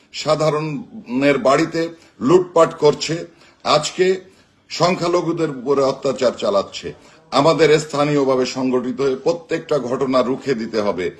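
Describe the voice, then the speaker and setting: A man with a Bangladeshi accent delivers a rousing political address to supporters, emphatic and declamatory, in short measured phrases. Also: fairly high pitch. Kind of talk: rousing political speech, live broadcast address.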